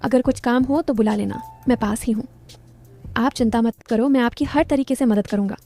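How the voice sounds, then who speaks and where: Shy young male student, halting and polite, voiced by a woman storyteller; mellow tone. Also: fairly high pitch, soft background music, lightly acted. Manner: hesitant, shy.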